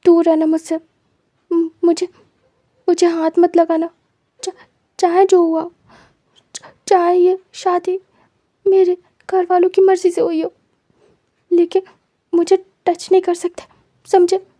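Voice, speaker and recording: A woman voicing a frightened young man who stammers, near tears, raising a higher voice in defiance. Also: monotone, slow, long pauses, warm tone. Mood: scared defiant. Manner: stammering, tearful, raised voice.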